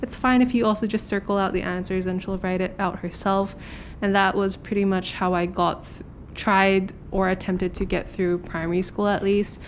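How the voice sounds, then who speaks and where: A young woman from Hong Kong, a podcast guest, telling candid stories quickly with lots of fillers. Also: medium pitch, steady tone, slight background noise. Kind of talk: casual interview chat.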